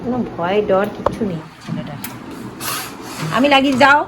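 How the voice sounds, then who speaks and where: A woman's voice: mid-range voice, animated, normal speed. A woman, a mother, chatting casually in a home vlog and coaxing her small son. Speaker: vlogger, mother. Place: home indoors. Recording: noisy home ambience.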